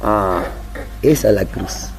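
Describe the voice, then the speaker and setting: Male pastor, sermon delivery, slips into mocking high voices, light background noise. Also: slow pace, vocal fry. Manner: acts out congregants in a high mocking voice.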